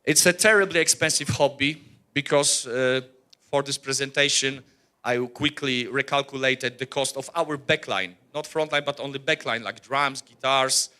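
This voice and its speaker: Bright-voiced man giving a talk. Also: medium pitch, normal speed, smooth. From Poland. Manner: earnest, blunt, with many "uh" fillers and restarts. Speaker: workshop presenter, rock musician. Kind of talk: workshop presentation.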